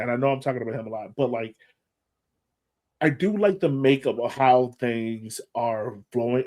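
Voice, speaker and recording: A man with a medium-pitched voice co-hosts a sports podcast, chatting casually as a fan. He speaks emphatically and repeats phrases to hammer his points home.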